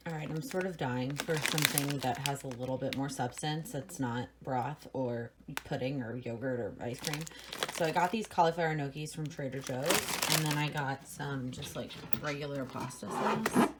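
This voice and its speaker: A woman's voice: extremely low pitch, moderate pace, very noisy. An American woman talking casually to her vlog audience in an informal, rambling way, often correcting herself as she goes. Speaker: vlogger. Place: indoors at home.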